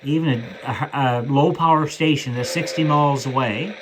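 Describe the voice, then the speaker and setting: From behind the camera, a radio collector casually shows and compares old-style radios on the floor of a room in his home, speaking hesitantly with lots of fillers and restarts. His voice is mid-range at a moderate pace, and the poor audio has a little hiss or hum.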